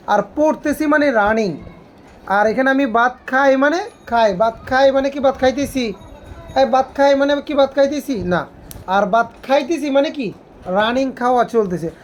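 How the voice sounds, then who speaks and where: Woman teacher, high-pitched, drills the class with repeated questions. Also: normal speed, slight background noise. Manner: asks students repeated questions. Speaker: English teacher. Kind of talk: classroom grammar lesson.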